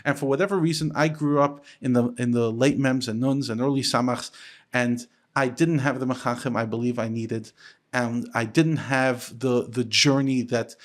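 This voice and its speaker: A man from the United States who works as a rabbi, talking as a guest on a podcast. He speaks in an animated, unscripted way, often restarting his sentences and repeating words. His pitch sits in a plain middle range. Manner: animated, lifts his pitch sharply when quoting others. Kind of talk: casual podcast conversation.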